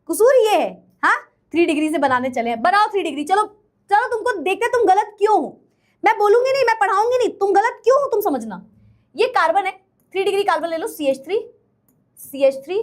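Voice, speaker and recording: Animated high-voiced woman teaching chemistry. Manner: animated, teasing, mimics students. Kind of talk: online class lecture.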